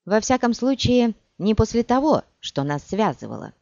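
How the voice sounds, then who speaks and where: A woman voicing a proud, scornful sorceress who speaks in a sharp, biting, mocking way, in an audiobook. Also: fairly high pitch, very animated, moderate pace, gravelly, dry recording, voice pushed up. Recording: dull dry recording.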